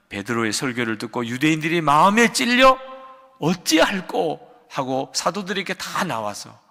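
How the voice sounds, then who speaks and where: Older guy pastor preaching, bright ringing voice, big swings up and down, long church echo. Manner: dynamic preaching, swings from loud emphatic peaks to quiet low asides; acts out a shouting quarrel in quotes. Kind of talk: sermon. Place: large church sanctuary. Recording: long hall reverb of a church sanctuary.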